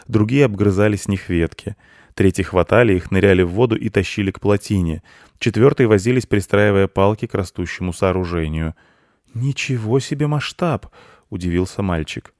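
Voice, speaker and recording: A man narrating a children's storybook in an even, expressive reading. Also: fairly low pitch, no room sound, clean studio sound.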